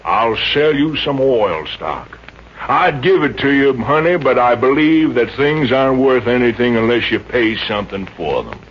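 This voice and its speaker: A man's voice: mid-range voice, expressive, moderate pace, close to an everyday voice. A man playing a boastful, folksy middle-aged Texas oilman with a Texan drawl in a 1950s radio comedy. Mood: boastful, coaxing. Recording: muffled, noisy old radio recording.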